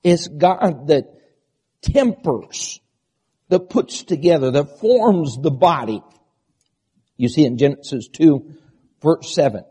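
Male preacher, sermon delivery. High-pitched, mellow tone, strained and bleating, lots of rhetorical questions and listing. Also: lively intonation, slow, long pauses, breathy edge. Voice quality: strained, quavering, bleating voice from a vocal disorder (spasmodic dysphonia). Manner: rhetorical questions and repeated lists. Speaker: preacher and church pastor.

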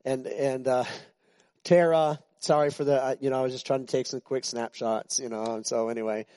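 A warm, mid-range voice with little pitch movement comes from a sixty-something pastor talking a little fast. His sermon is loose and conversational, full of jokes with the church and restarted sentences, recorded dry.

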